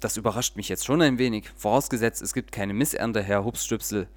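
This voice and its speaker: A man's voice: lowish voice, brisk, dry recording, faint music behind, close to an everyday voice. A man voicing a fussy, earnest male plum grower in a read-aloud storybook. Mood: puzzled.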